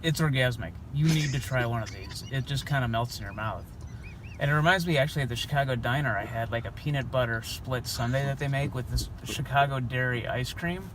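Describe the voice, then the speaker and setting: A man's voice: medium pitch, a little fast, a bit bright, lightly acted. A man playing himself in a casual, rambling phone call with his parents, recorded outdoors near traffic. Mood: chatty. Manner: casual, rambling small talk.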